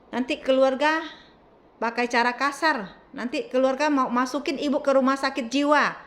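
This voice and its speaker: A woman imitating a hypnotherapist who loudly and urgently pleads with a patient to come out of her room. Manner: loud, high, urgent pleading. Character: pushy hypnotherapist coaxing a patient through a door.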